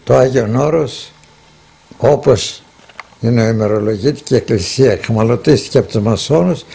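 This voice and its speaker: An older man, a monk, answering questions in an interview, slow and emphatic. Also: medium pitch, creaky, warm tone, husky. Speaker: elderly monk being interviewed. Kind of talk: conversational interview.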